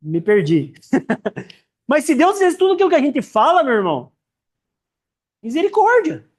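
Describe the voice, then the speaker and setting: A man with a Brazilian accent teaching a church Sunday school class, joking and acting out Bible characters. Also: very high voice. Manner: animated, joking, acts out Bible characters in quick voices.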